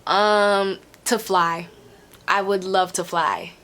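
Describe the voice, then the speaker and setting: A woman's voice: mid-range voice, fairly even intonation, slow, fairly bright tone. A woman answering viewer questions in a casual, candid way, repeating phrases for emphasis and swearing freely. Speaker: host of a Q&A.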